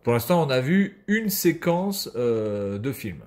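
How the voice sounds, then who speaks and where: A man's voice: medium pitch, sing-song, slow, darkish tone. A man giving casual video game commentary as a streamer, sarcastic and swearing freely.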